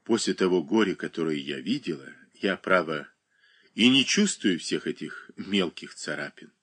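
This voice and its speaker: A reserved young woman answers coolly and with quiet dignity, as a man reads her lines. The voice sits fairly low but bright, with gentle lift. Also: husky, heavily acted. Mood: calm. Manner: calm, cool and measured.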